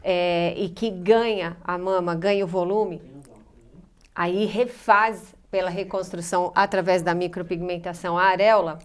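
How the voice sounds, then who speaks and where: A woman's voice: fairly low pitch, steady tone, unhurried, smooth. A woman with a Brazilian Portuguese accent hosts an interview. She nods along with short words and then asks long, winding questions. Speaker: host. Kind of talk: interviewing a guest.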